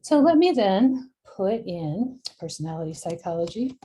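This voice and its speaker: A middle-aged woman, a journal editor, giving a relaxed screen-share tutorial and thinking aloud with frequent ums. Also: mid-range voice, normal speed, slight background noise.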